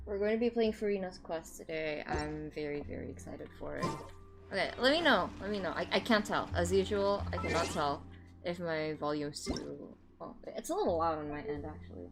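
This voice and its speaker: A woman livestreamer chatting casually in a cute, excitable, giggly anime-streamer way, rambling as she goes. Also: sits low, moderate pace, vocal fry, over music.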